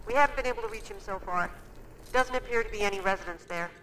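Woman as a bright-voiced dispatcher over a police radio. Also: medium pitch, fast, a little hiss or hum, poor audio. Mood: calm. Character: calm female police dispatcher.

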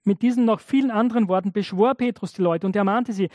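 A man's voice: sits high, quick pace, darkish tone, dry recording, clean studio sound. A man preaching a sermon in a conversational way, often checking in with the congregation. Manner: acts out biblical and imagined speakers in changed voices.

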